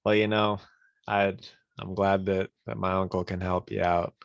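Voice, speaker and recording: This podcast co-host has a low, gravelly voice with a level tone and normal pace, recorded without echo but muffled. Just getting over a cold, he jokes easily through casual chat, easygoing and often laughing.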